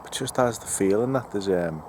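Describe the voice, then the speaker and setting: A man's voice: fairly low pitch, lively intonation, fairly quick, noisy background. A man investigating the paranormal, calling out to spirits and joking wryly to camera, outdoors in woods at night. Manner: dry, wry humor.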